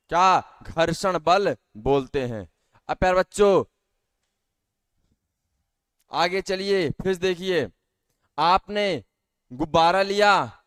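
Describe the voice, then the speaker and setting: A man's voice: fairly high pitch, fairly bright tone, clean tone, no echo. A male teacher giving a science lesson to schoolchildren, patiently asking questions and answering them himself, often calling them dear children.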